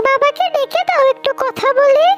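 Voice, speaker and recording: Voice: very high voice, normal speed, fairly bright tone, muffled recording, faint music behind, pitched above the performer's own voice. A woman voicing a young female fox daughter in a cartoon, pleading and sobbing. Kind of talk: cartoon voice acting.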